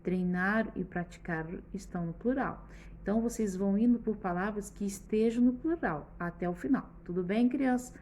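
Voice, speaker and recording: A woman teacher giving a patient, step-by-step lesson for children, often pausing to check that they follow along. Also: medium pitch, darkish tone, slight background noise. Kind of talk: remote schoolbook lesson for children.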